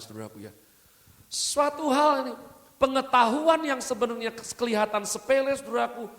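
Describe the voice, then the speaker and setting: A male preacher tells stories to his congregation. His voice sits high for a man. It rings out with a long church hall reverb. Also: fairly bright tone. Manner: storytelling, repeats "saudaraku" to address the congregation. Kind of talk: sermon.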